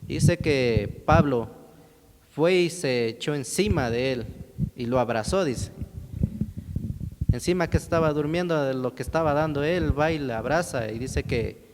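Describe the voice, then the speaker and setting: Brief: male lay preacher, chatty and repetitive sermon delivery, roomy church hall with steady background noise. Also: a little high, a little slow. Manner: conversational, repetitive, addresses the congregation directly.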